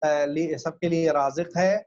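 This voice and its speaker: A man giving a Quran commentary lesson, explaining patiently with hesitant fillers and reciting phrases slowly and carefully. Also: fairly high pitch, fairly even intonation, a little mellow. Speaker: religious teacher. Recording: dull lo-fi recording.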